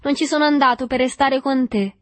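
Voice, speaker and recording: An eager, fawning boy whose sweet sing-song voice jumps up high when he flatters, as a woman puts him on. The lines come bright and pushed in a dry audiobook reading. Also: brisk, dry recording, natural voice.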